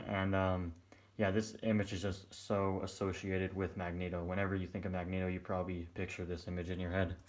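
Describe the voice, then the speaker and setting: Quiet, low-voiced young man, flat delivery. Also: fairly quick. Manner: quiet but clear, subdued; hesitant, tired-sounding. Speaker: comic collector presenting his purchases. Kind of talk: casual vlog narration over close-up shots of items. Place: small indoor room at home.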